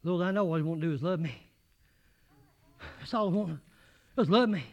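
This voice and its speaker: A man preaching a sermon in church, folksy and rising to shouted fervor. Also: on the high side, brisk. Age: 80s.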